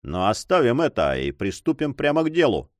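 Male narrator doing a proud buccaneer captain, short-tempered, dry close sound, lively delivery. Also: mid-range voice, no room sound. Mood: indignant. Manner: proud, quick to anger.

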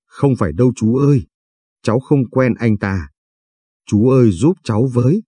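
A man's voice: lowish voice, moderate pace, breathy edge, no room sound. A man reading the lines of a young woman pushing away her abusive ex-partner. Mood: defiant. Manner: sharp and pleading by turns.

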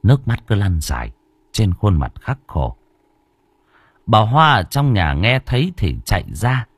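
Husky story narrator. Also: male voice, fairly low pitch, unhurried, no room sound. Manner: dramatic, expressive storytelling. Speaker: audiobook narrator.

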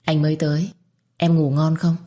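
A tender young boyfriend, read by a woman narrator in her own low voice. He speaks softly and attentively, like a caring partner in a spoken romance. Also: little pitch movement, normal speed, natural voice. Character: young man, affectionate boyfriend.

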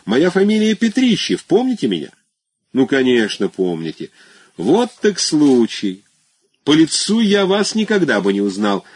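A man's voice: a little high, wildly swooping pitch, a little slow, darkish tone, husky, dry recording, pitched above the performer's own voice, exaggerated voice. A man reading an audiobook, voicing an effusive, talkative former classmate who rambles through old memories. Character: chatty nostalgic former classmate, adult man. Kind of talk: audiobook character voice.

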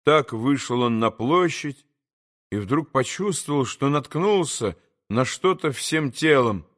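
A male narrator reading a classic novel as an audiobook, in a measured and expressive way. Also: mid-range voice.

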